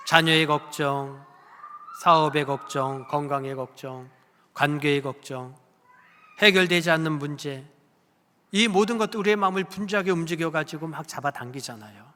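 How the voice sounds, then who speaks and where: A man's voice: a little high, normal speed, sharp tone. A male pastor preaching a sermon with emphasis, putting questions to the congregation. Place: church sanctuary. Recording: long church hall reverb.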